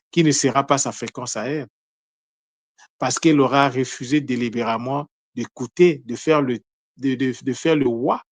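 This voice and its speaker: A man's voice: mid-range voice, no room sound. A man giving an unprepared spiritual teaching talk, earnest, often repeating words and restarting his phrases.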